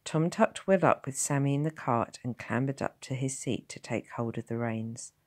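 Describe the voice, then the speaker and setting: A woman's voice: very deep voice, normal speed. A woman teacher reading a novel aloud, narrating expressively and voicing each character. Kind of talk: storybook narration.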